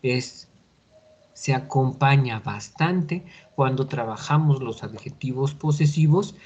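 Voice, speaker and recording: A man teaching an English grammar class in a patient, deliberate way, often checking in with listeners. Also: mid-range voice, darkish tone, husky. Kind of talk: recorded online class explanation. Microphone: computer mic on a video call. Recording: dull lo-fi video call recording.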